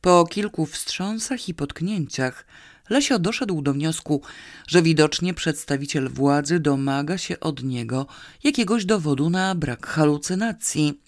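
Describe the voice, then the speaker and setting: Audiobook reader, unhurried and expressive, dry close sound. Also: mid-range voice, no echo. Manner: slow, measured, expressive reading. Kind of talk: audiobook narration.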